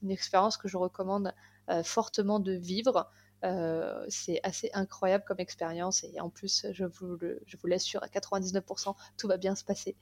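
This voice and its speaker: A woman's voice: medium pitch, steady tone, moderate pace, a little mellow. A young adult woman talking casually as a podcast guest, enthusiastic, with many fillers and restarts.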